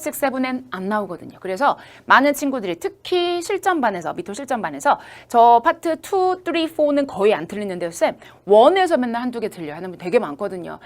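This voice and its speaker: A woman in her thirties giving a lively online lecture as an English test instructor, acting out examples as she explains. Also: fairly high pitch. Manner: lively, demonstrative, acts out examples. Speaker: TOEIC listening instructor.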